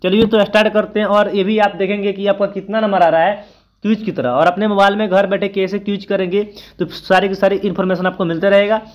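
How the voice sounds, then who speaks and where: A man's voice: sits high, little pitch movement, quick pace, highs cut off. A man teaching a casual exam-prep lesson, chatty, thinking aloud and correcting himself as he goes. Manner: chatty, keeps adding "ठीक है" after points.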